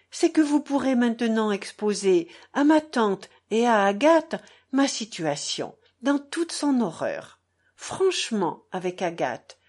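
A woman's voice: medium pitch, a little mellow. A woman reading aloud, voicing an emotional, fervent young society woman in a pleading manner. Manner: emotional, pleading, quick shifts.

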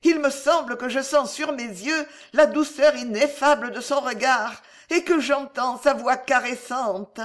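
A woman's voice: high voice, unhurried, hardly any pauses. A woman voicing a frantic, half-mad young woman. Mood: dreamy longing. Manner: breathless, imploring, rising to cries. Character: distraught mad young woman, fearful and pleading. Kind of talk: audiobook reading.

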